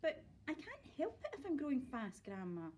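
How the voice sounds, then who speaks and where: A woman's voice: high-pitched, huge pitch swings, moderate pace, a little mellow, slight background noise, voice pushed up. A woman voicing a polite, put-upon eight-year-old boy, meek and earnest, in a storybook reading. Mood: protesting.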